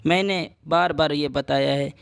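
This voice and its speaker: A man teaching Quran reading as a lesson, spelling out letters slowly and drawing out each syllable, then explaining in quicker speech. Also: fairly high pitch, creaky, clear, resonant tone, dry recording. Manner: drawn-out syllable-by-syllable recitation between quicker explanations.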